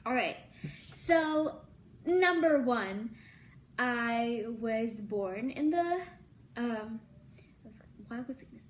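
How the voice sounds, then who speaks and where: A woman in her early twenties chatting casually to viewers in a vlog, full of ums and likes, getting excitable about things she loves. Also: a little high, takes it slowly, pauses often. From born in Libya, Filipino. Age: 20s. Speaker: YouTuber.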